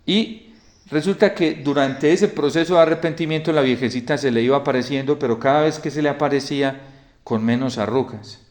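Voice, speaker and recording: A male priest preaching a homily in a storytelling manner, often falling to a quiet hush. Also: mid-range voice, brisk. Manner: storytelling, drops to a soft hush in quoted lines.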